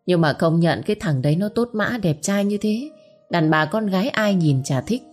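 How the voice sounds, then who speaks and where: Woman reading a loud, mocking village busybody; low, husky, dark storybook voice. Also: animated, moderate pace, faint music behind. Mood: mocking gossip. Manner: nosy, talks loudly to be overheard.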